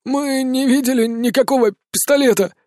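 A man's voice: very high-pitched, steady tone, moderate pace, darkish tone, dry recording, clean studio sound, voice pushed up. A man reading an audiobook, voicing a flustered elderly father who rambles in a simple, hesitant way. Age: older.

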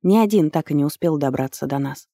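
Brief: woman audiobook narrator, dark mellow timbre, steady storytelling delivery. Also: sits low, fairly quick, no echo, clean studio sound. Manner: even, storytelling delivery with lively lifts on dialogue. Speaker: audiobook reader. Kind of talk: first-person fantasy audiobook narration.

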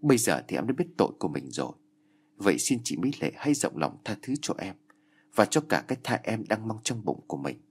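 A man voicing a terrified young woman who cries and pleads for mercy, in a husky voice. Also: fairly low pitch, big pitch swings, fairly quick, exaggerated voice. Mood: pleading. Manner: crying and pleading.

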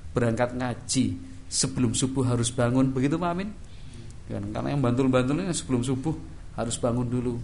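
A man's voice: medium pitch, fairly quick, creaky, a little mellow, slight background noise. A middle-aged man with a Javanese accent giving a religious study lecture in a casual, conversational way. He acts out everyday dialogue and keeps coming back to a small verbal tic. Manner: conversational, acts out quoted dialogue in shifted voices; repeats "kan itu" as a verbal tic. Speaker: preacher.

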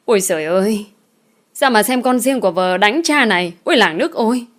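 A woman's voice: mid-range voice, moderate pace, natural voice. Woman reading as a spiteful old gossip, mocking, wailing, storybook reading.

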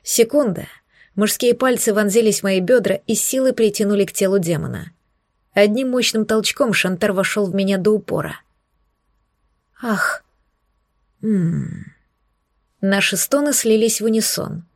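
A woman narrates a first-person romance audiobook in a soft, hushed, intimate voice. Her pitch sits in a plain middle range. The recording is dry and close, with no room sound. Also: a little fast, no echo.

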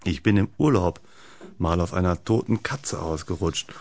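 A man reading the lines of a calm male doctor who tells his own mishap story in a deep voice. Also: moderate pace, vocal fry, slight background noise. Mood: matter-of-fact.

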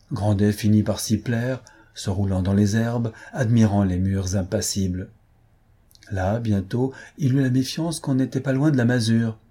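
A man narrating a story aloud with calm, measured delivery. His voice is low and husky, with a dark, mellow colour.

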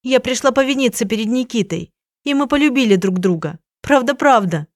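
A woman reading an audiobook, voicing a frightened, tearful young woman who pleads in a high, shaky voice. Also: expressive, brisk, no room sound, studio quality, natural voice. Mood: pleading.

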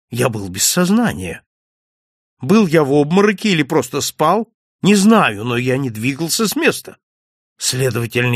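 A man narrating a first-person audiobook, expressive, dropping low and soft for inner thoughts. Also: no room sound, clean studio sound.

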